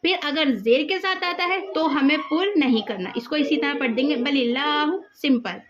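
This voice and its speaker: A woman teaching the rules of Quran recitation, patiently repeating each example and slowly drawing out the sounds. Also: high-pitched, lo-fi sound.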